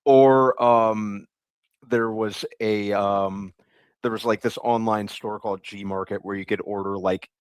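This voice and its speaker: A man with a lowish voice recalling things in an easygoing, storytelling way during a casual chat. His voice sounds dry and close. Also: fairly even intonation, unhurried, smooth, no room sound.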